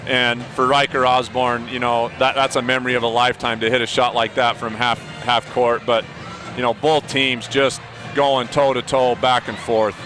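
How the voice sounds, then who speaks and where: A breathless man gives postgame color commentary in a mid-range voice. He rambles excitedly with frequent "you know" fillers. A clear music bed runs behind him. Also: mid-range voice, normal speed.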